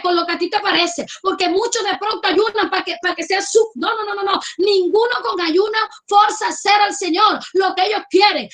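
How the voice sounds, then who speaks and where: High-voiced fervent Colombian woman pastor. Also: a bit bright. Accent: Colombian Caribbean. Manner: fervent, emphatic preaching with repeated calls for amen. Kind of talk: sermon.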